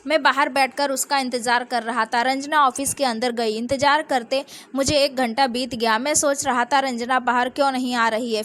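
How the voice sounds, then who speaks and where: High-voiced woman storyteller. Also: fairly bright tone. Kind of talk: read-aloud story narration.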